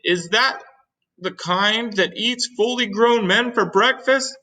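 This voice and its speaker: A man voicing a frightened male fire department chief with shrill, shouted lines. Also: takes it slowly, full character voice.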